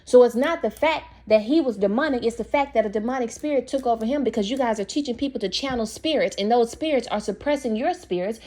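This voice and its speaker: A woman's voice: fairly high pitch, warm tone. A young woman giving an opinionated, preachy monologue as a video host, talking straight to her viewers. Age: young adult. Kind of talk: casual monologue to camera.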